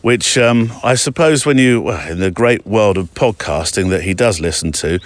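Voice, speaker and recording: Lively man reading a letter aloud. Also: lowish voice, no room sound. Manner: chatty, digressive, with quick asides. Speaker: podcast host reading a listener's letter. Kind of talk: casual storytelling read-aloud.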